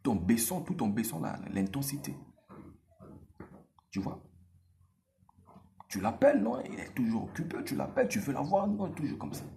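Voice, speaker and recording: A man's voice: medium pitch, moderate pace, gravelly, pauses often, slight background noise. A man giving casual dating advice straight to the viewer, repeating himself and using street slang. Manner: animated, repetitive, street slang, addresses viewer directly.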